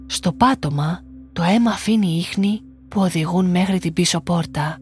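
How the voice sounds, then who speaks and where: A woman with a fairly low voice tells a crime story in a measured, somber way. Her narration is scripted and steady, with soft music running underneath.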